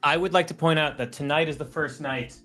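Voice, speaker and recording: A man's voice: a little high, fairly quick, sharp tone, faint music behind. A man co-hosting a podcast, joking in a wry, self-mocking way. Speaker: podcast co-host. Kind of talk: casual podcast banter.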